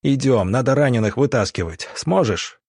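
A man voicing a calm young male country doctor in an audiobook, who speaks in a curt, steady way. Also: medium pitch, normal speed, no echo, studio quality. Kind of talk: audiobook character voice.

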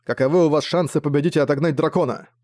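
A man's voice: on the high side, steady tone, fast talker, darkish tone, no room sound, clean studio sound, lightly acted. A man voicing a cocky young male mage in an audiobook, talking cheeky and urgent.

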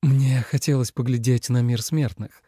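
A man reading an audiobook voices a young female celestial fox healer who speaks gently and apologetically. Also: medium pitch, steady tone, normal speed, slightly rough, dry recording, studio quality, close to an everyday voice. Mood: gentle.

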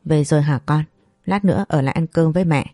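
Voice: medium pitch, fast, mellow, no room sound, clean studio sound, lightly acted. The narrator voicing a stern older wife and mother who talks in a curt, bossy way. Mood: plain.

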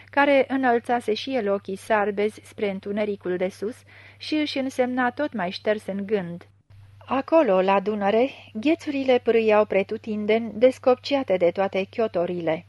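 A woman narrating a literary audiobook with a measured, expressive reading. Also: fairly high pitch, no echo. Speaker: audiobook reader.

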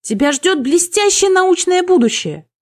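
A woman voicing an excitable young male demonologist in a fantasy audiobook, loud and eager. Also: unhurried, exaggerated voice. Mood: pleading. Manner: shrill, eager, panicky.

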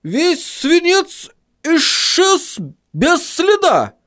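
A man's voice: very high voice, very animated, moderate pace, pitched above the performer's own voice. A man voicing a matter-of-fact male dwarf printer. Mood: alarmed. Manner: exclaiming, plain-spoken.

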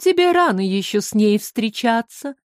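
A woman's voice: a little high, expressive, normal speed, no echo, studio quality, close to an everyday voice. A woman voicing a motherly female water spirit who soothes and teases, in a storybook reading. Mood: teasing. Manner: soothing yet sharp-tongued.

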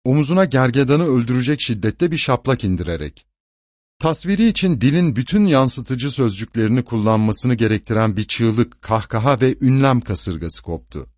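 A man reading literary narration in a measured, even way. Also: mid-range voice, dry recording, clean studio sound. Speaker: audiobook narrator.

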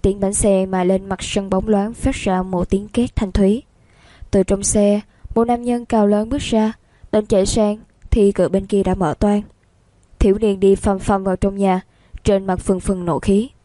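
A woman narrates a romance novel with steady, even storytelling. Her voice is mellow and warm, mid-pitched, and recorded dry and close with no room sound. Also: moderate pace, no echo.

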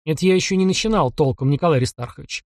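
A man's voice: on the high side, very fast, no room sound, studio quality, natural voice. A man voicing a cocky young taiga hunter. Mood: scheming. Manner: mocking, cocky and cunning. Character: young bold taiga hunter, sly and defiant.

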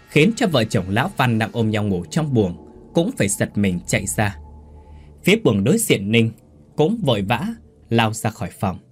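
Male horror-story narrator, lively swinging delivery, slightly husky tone. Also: medium pitch. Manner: dramatic, expressive storytelling.

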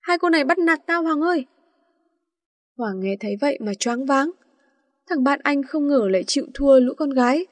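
High-voiced woman reading a story. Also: a little mellow, dry recording, clean studio sound. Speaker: narrator. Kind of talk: storybook narration.

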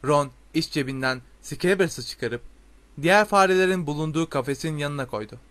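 A man reading a storybook aloud in a steady, expressive way. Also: a little high, moderate pace. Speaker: audiobook narrator. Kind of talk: storybook narration.

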